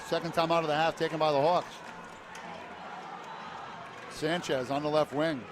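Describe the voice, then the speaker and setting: A man calling a high school basketball game play by play in short clipped phrases, rising to shouts on big plays. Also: level tone, normal speed. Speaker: play-by-play announcer. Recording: loud crowd and arena noise. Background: cheering crowd, bouncing basketball.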